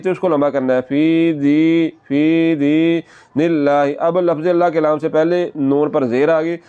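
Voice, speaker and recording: A man teaching Quran recitation, patiently repeating each word slowly many times and correcting common mistakes. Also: fairly high pitch, warm tone, clean tone, highs cut off. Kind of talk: tajweed lesson.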